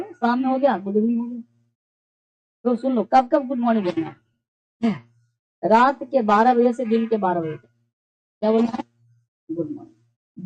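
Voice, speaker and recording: A woman's voice: fairly high pitch, a little mellow. Woman teaching a patient lesson, lo-fi. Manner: patient, repeats and quizzes students. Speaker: English teacher. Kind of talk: classroom lesson explaining English phrases. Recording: dull lo-fi classroom recording.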